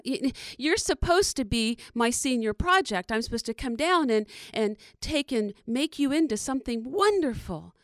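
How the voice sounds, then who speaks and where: A woman voicing a chatty, plump female groundhog who is a fairy godmother in training, eager and fussy, halting over her words, in a told story. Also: a little high, clean tone, no echo, clean studio sound. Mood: deflated.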